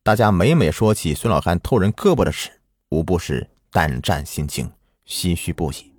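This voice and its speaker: Deep-voiced male ghost-story teller. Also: animated, normal speed, husky, dry recording, studio quality. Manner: dramatic, lilting storytelling. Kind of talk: folk ghost story narration.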